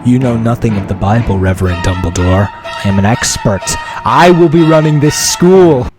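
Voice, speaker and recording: A man voicing an arrogant, bossy know-it-all schoolboy who shouts pompously. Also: mid-range voice, normal speed, music in the background, pitched below the performer's own voice, natural voice.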